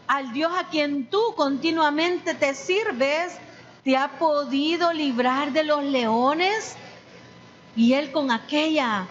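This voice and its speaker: Slow, high-voiced woman preaching. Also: dull audio, slight background noise. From El Salvador. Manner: deliberate, emphatic preaching with repeated exhortations. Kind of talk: sermon.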